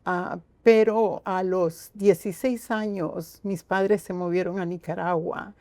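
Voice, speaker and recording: An older woman from Costa Rica with a Costa Rican accent, a guest telling her own story slowly and earnestly, with many pauses. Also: on the low side, fairly even intonation, mellow, no room sound. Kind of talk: reflective personal storytelling.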